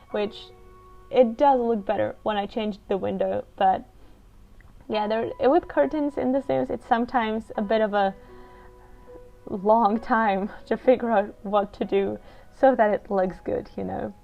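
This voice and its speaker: A Czech woman with a Czech accent and a slightly high, creaky voice narrates a game build as a video creator, giving a casual, chatty, unscripted voiceover that explains her choices as she goes. The voiceover sounds dull and lo-fi, with background music playing.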